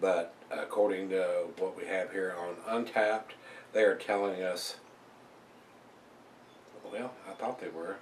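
Older man, lowish voice, chatty beer review, roomy home sound, mic well off. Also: slow pace, pauses often, far from the mic, a little hiss or hum. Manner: relaxed, chatty, with many fillers. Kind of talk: casual beer review vlog. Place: small room at home, indoors. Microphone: camera across the room.

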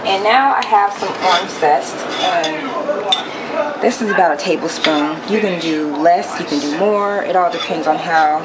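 A young woman giving a relaxed, step-by-step cooking demonstration in her home kitchen. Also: lowish voice, unhurried. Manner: relaxed step-by-step explaining with fillers. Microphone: camera held over the counter. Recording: loud kitchen noise behind voice. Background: pots, pans and sizzling.

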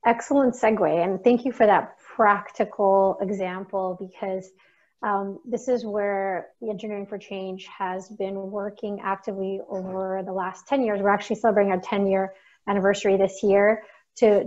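A woman hosting an online seminar, wrapping up with thanks and announcements in a measured way over a video call. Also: medium pitch, a little mellow. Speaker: webinar host. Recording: dull lo-fi call audio.

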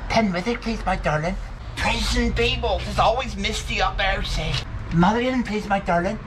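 A man's voice: high voice, moderate pace, over music, pitched above the performer's own voice, natural voice. A man voicing a little old Cornish lady passenger, sweet and fussy, in a Cornish accent.

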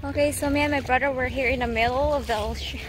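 A young woman with a Filipino accent vlogging outdoors from an action camera held at arm's length, chatting in a halting way with many fillers. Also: high voice, fairly even intonation, background noise. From Philippines. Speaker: travel vlogger. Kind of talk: casual travel vlog. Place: outdoors on a tidal flat and on a moving scooter. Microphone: handheld action camera at arm's length.

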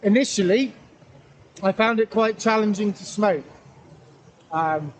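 A middle-aged man with a high-sitting voice talks at an unhurried pace, a pipe-smoking vlogger chatting casually for his outdoor vlog in a wooded valley. He rambles hesitantly and corrects himself along the way. The camera sits at a distance, picking up outdoor ambient noise.

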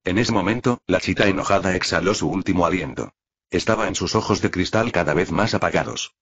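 A man narrating a fan novel audiobook in a steady reading voice. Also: deep voice, breathy edge, lo-fi sound. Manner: steady reading of a translated text.

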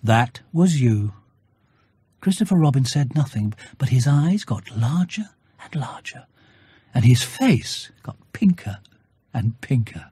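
A male audiobook narrator telling a children's story. He goes slowly and expressively, with wide swings of pitch and a slightly husky edge, recorded very dry. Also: very animated, warm tone, dry recording.

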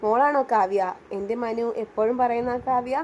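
A woman's voice: on the high side, fairly even intonation, moderate pace, darkish tone, lo-fi sound, slight background noise, lightly acted. A woman narrator voicing a kind middle-aged mother who speaks in a comforting, motherly way.

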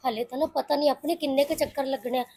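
An actress playing a caring young woman who calmly reassures and comforts. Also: sits high, fast, low-quality recording. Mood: reassuring. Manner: soothing, reassuring. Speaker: young sister-in-law. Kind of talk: Punjabi web-series acting.

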